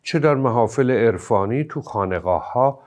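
A man teaching poetic meter, explaining slowly and stressing example syllables, with hesitant fillers between points. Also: mid-range voice, animated, a little mellow. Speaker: teacher of Persian poetry.

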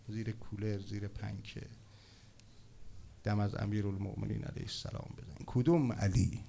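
A man delivers a fervent sermon at a religious gathering on a night of mourning. His voice sits at a middling pitch. He rises into loud, ringing exclamations, then sinks into slow, hushed lines. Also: creaky, slight background noise. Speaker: preacher. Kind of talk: impassioned sermon.

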